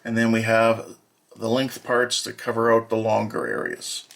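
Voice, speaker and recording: A man walking through an unboxing as a hobby model builder, talking in a plain, matter-of-fact way with many filler pauses. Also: fairly low pitch, fairly even intonation, gravelly, a bit bright. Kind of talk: unboxing walkthrough.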